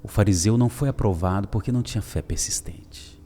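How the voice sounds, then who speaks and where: A man giving a daily devotional sermon, emphatic and swinging from loud calls to soft whispers. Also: on the low side, brisk, faint music behind. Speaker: preacher.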